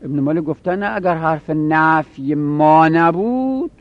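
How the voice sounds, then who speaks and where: Male grammar teacher, slightly high voice, slow and careful over examples; dull low-fi tape. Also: no echo. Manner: explanatory, repeats example phrases slowly. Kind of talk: seminary grammar lesson. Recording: dull lo-fi recording.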